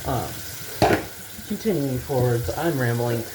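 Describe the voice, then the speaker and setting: Male gaming commentator, average pitch, unscripted and meandering, hesitant, casually sweary; noticeable hissing, water-like background noise. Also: a little slow. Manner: casual, rambling, hesitant thinking aloud. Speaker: gaming video maker. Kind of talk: rambling unscripted game commentary.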